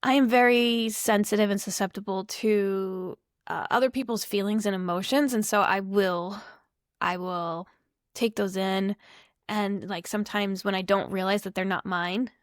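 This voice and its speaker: A woman's voice: mid-range voice, moderate pace, dry recording, studio quality. A woman reading tarot cards to camera in a loose, rambling, apologetic way, full of asides. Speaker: tarot reader.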